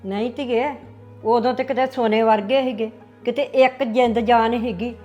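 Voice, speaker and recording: A woman's voice: a little high, steady tone, normal speed, darkish tone, dull audio, faint music behind, lightly acted. A middle-aged actress playing a comforting, motherly aunt in a family drama.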